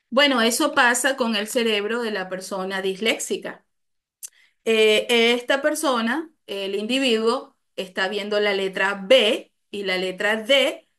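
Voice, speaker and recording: A woman's voice: fairly high pitch, fairly bright tone. A woman with a Venezuelan accent giving a live online talk, explaining patiently, repeating key phrases and asking her audience questions.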